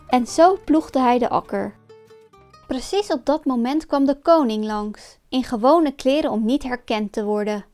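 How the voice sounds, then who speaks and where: A woman storyteller reading a folk tale aloud in a calm, expressive way. Her voice is notably high. Soft music plays faintly behind her. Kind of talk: scripted folk tale narration.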